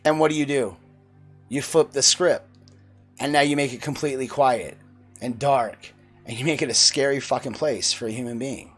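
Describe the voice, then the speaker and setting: A man's voice: mid-range voice, moderate pace, soft background music. Blunt, cursing man ranting. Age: 40s. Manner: blunt, profane, preachy. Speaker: vlogger. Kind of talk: opinionated monologue.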